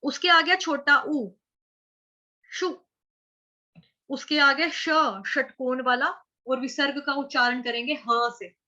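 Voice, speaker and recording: A woman teaching Sanskrit verse pronunciation step by step, patiently repeating syllables and chanting lines slowly in an online class. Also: sits high, steady tone, sharp tone, lo-fi sound. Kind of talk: slow step-by-step pronunciation lesson.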